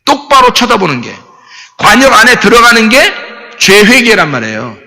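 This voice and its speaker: A male pastor preaches a Sunday sermon in a high, very bright voice. He repeats his points and asks the congregation rhetorical questions. A long reverb from the church sanctuary trails behind each phrase. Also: huge pitch swings, normal speed. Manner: emphatic preaching with many repetitions and rhetorical questions.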